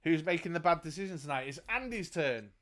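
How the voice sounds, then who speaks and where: A man's voice: a little high, expressive, fairly quick, a bit bright. A man reading a fantasy gamebook aloud as game master, laughing and joking between passages. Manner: laughs often, jokes between read passages.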